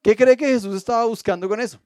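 A man's voice: extremely high pitch, fast talker, darkish tone, no room sound, studio quality. A man teaching a Bible study class. He reads the passage aloud, stops to explain it and often puts questions to his listeners, with playful asides. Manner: asks the audience frequent questions.

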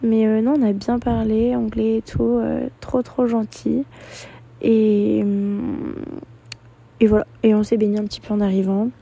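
A woman's voice: a little high, flat delivery, measured pace, gravelly, dark tone, breathy edge. A young woman vlogging from a hostel dorm, telling a travel story in a rambling way with many fillers and restarts. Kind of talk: casual storytelling.

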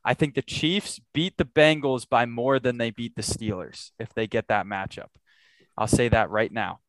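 A man hosting a sports talk podcast. His voice is smooth and resonant, recorded close and dry, and he makes his picks briskly and without doubt. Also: medium pitch, a bit bright, no echo. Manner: confident, quick to make picks. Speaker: podcast host.

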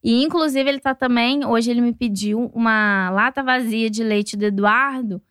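A woman's voice: fairly high pitch, moderate pace, clean tone, no room sound, studio quality. A Brazilian woman co-hosting a podcast, chatting casually and acting out her relatives' lines as she tells stories. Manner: animated storytelling, acts out relatives' lines. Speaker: podcast co-host. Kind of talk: casual chat.

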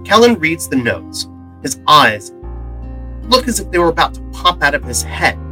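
A man's voice: fairly high pitch, big pitch swings, moderate pace, bright, forceful tone. A man delivering scripted dramatic narration for an audio drama, with music behind him. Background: background music.

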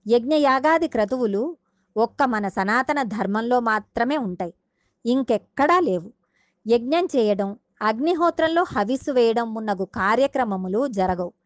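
A woman's voice: a little high, no room sound. A woman giving a devotional discourse, retelling a sacred story and explaining its meaning earnestly, speaking directly to her listeners.

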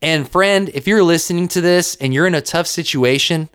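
A young man with a slightly high voice hosts a faith podcast. He talks in an earnest, casual way, full of fillers, and his pitch often jumps up for emphasis. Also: normal speed, a bit bright, clean tone. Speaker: podcast host. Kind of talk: faith encouragement podcast talk.

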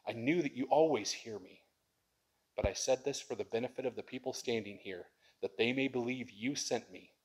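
A man's voice: mid-range voice, moderate pace, husky. Man preaching a conversational sermon. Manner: conversational preaching, swings to loud impassioned lines. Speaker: pastor.

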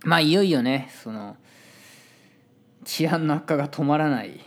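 A man's voice: fairly high pitch, expressive, moderate pace. A man with a Kansai Japanese accent telling a story in a casual, chatty monologue and acting out the voices of people he quotes.

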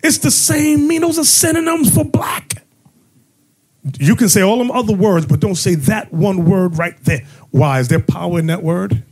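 A man acting as bishop and host, preaching in a fiery way, mocking and often shouting. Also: high-pitched, expressive, normal speed, husky.

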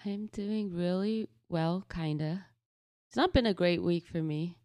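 A woman in her late twenties from India, co-hosting a casual chat, her voice gravelly and sore-throated, nervous and giggly. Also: fairly low pitch, unhurried, darkish tone, dry recording, clean studio sound. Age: 20s. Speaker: podcast co-host.

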